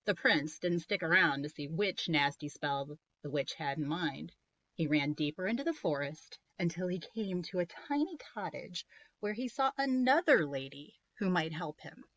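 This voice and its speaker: A woman teacher reading a storybook aloud in a slow, expressive way, on a muffled recording. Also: on the low side.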